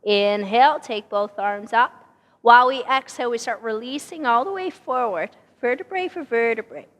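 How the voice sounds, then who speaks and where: A fairly high-voiced woman, hoarse from losing her voice, steadily talks a Pilates class through each breath and stretch. Her voice rings out with a long reverb in the studio room. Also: moderate pace. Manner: calm, steady cueing of breath and movement. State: hoarse, partly lost voice. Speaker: Pilates instructor. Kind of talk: guided exercise instruction. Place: exercise studio.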